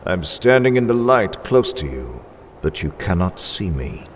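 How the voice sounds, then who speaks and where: An actor playing a menacing, commanding invisible avenger in a 1940s-style radio drama, theatrical and ominous. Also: male voice, low-pitched, big pitch swings, a little slow, noisy background.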